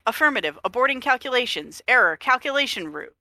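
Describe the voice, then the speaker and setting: A woman voicing a glitching female robot AI stuck in an error loop, in a flat, repetitive monotone, while chatting casually about a game. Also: a little high, fast talker, no echo, pitched above the performer's own voice, exaggerated voice. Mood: malfunctioning. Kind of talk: casual chat quoting a game character.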